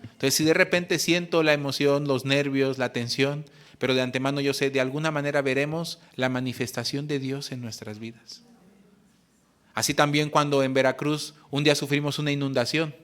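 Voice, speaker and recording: A man preaching in church. He gives earnest testimony and often pauses to restart a phrase. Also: medium pitch, fairly even intonation, fairly bright tone. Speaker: pastor. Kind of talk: sermon.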